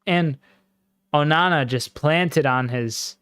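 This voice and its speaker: A man casually commenting on a football match live for his stream, slangy and excitable, breaking into loud exclamations at big moments. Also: on the high side, slow, smooth, dry recording.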